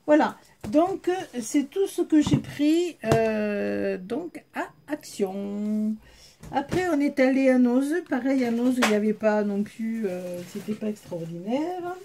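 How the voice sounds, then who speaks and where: She sounds animated and a little high, unhurried yet with few pauses, against a noisy background. This Southern French woman is a haul vlogger, showing her purchases to viewers in a casual chat, speaking to them directly and filling it with fillers.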